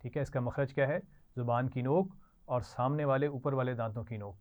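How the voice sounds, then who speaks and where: A woman's voice: rumbling low, fairly even intonation. A woman as a patient recitation teacher, phone-like sound. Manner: patient, stretches each word slowly when modelling it. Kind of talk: slow call-and-response recitation lesson. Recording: tinny lo-fi online class audio.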